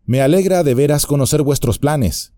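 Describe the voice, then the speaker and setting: A man's voice: on the high side, dry recording, pitched above the performer's own voice, close to an everyday voice. Audiobook hero: a man doing a composed, slightly raised hobbit. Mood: calm firm. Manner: calm, firm, measured. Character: calm, steady male hobbit leader.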